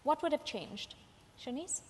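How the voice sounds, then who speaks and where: A woman's voice: high-pitched, animated, unhurried, slight background noise. A woman moderating a panel, asking questions and encouraging the panelists with short affirmations. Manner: encouraging, many "mm-hmm" backchannels. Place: conference hall. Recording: roomy hall, faint ambience.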